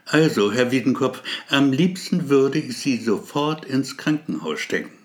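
A man voicing a skeptical male psychiatrist who questions his patient in a measured way. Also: mid-range voice, animated, close to an everyday voice. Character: skeptical male psychiatrist, calm then pleading.

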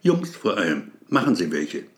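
Man voicing a brisk, demanding woman mayor. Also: deep voice, very animated, reverberant, pitched below the performer's own voice. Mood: commanding.

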